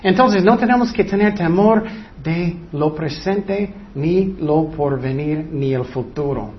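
A man's voice: a little high, slow pace, muffled recording, slight background noise. A man preaching a sermon who keeps putting questions to his listeners and repeats phrases for emphasis.

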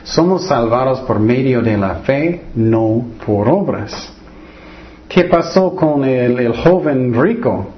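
A man's voice: mid-range voice, lively intonation, takes it slowly, lo-fi sound. A man preaching a sermon and reading from the Bible. He often restarts his sentences and throws rhetorical questions at his listeners. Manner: acts out the voices of the people in his stories.

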